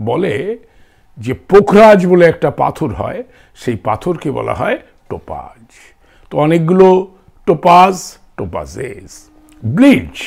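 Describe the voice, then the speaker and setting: Slow, gravelly Bengali-accented male teacher. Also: on the high side. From India. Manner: switches between Bengali and English, checks in with questions to students. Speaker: English grammar teacher. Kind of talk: classroom grammar lesson, spelling words letter by letter.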